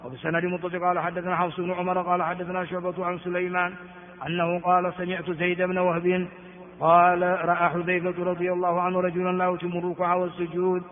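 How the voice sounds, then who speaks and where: A man with a high-pitched voice teaches hadith in a long, patient lecture. He explains the text step by step and slips into a chanting lilt when he quotes words and verses. The sound rings with long hall reverb and comes through thin, like a phone line. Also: monotone, quick pace. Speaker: Islamic scholar teaching hadith.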